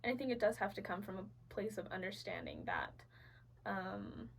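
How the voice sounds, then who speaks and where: A woman's voice: mid-range voice, huge pitch swings, moderate pace, slightly rough, low-quality recording. Earnest young woman telling her story. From Venezuela. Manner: earnest, with frequent fillers and restarts. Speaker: guest. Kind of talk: personal storytelling in a podcast interview.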